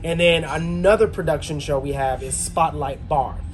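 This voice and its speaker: A man with a high voice talks like an entertainment host in casual conversation. He is excitable and jokey and likes to repeat his phrases. Music plays clearly in the background. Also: normal speed. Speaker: cruise director and game show host. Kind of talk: casual bantering interview.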